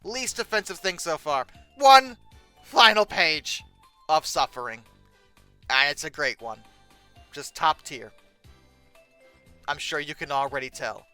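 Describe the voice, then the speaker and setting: The host of a paleontology commentary show reads passages aloud and critiques them in comedic reaction mode, sarcastic and exasperated with mock outrage. The mid-range voice is expressive and sharp, a little slow with frequent pauses. It's a dry recording with faint music in the background.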